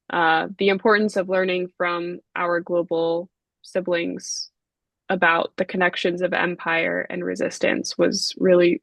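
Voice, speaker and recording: A woman moderating an online talk, introducing speakers in a measured way with frequent fillers. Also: fairly low pitch, creaky, no room sound. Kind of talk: webinar introduction. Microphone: video call.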